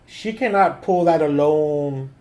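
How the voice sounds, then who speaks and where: Male review co-host, notably high-pitched voice, casual and sweary, halting slangy delivery with repeated words. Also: a little mellow. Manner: halting, slangy, heavy use of "like" and repetition. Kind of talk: casual film review chat with profanity.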